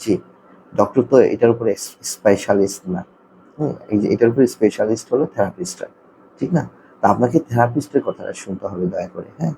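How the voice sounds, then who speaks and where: Male therapist giving a talk to parents, low and warm, repetitive, checks in often, faint noise. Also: creaky, poor audio. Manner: repeats points, checks in with "haan?"; sounds out letters slowly. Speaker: occupational therapist. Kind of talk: explanatory lesson to parents.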